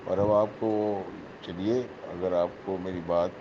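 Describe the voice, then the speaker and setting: Low-voiced man giving a courteous critique. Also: fairly even intonation. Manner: measured, courteous, explanatory. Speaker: literary critic at an online poetry meeting. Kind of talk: spoken critique of a poem. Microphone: online call audio. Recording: dull lo-fi call with clear noise.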